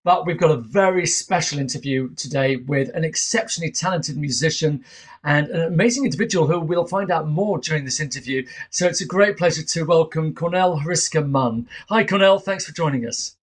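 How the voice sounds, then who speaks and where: A man in his fifties hosting an interview over a video call from a small home room, asking measured questions with frequent fillers. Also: a little high. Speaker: interview host. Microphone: webcam on a video call.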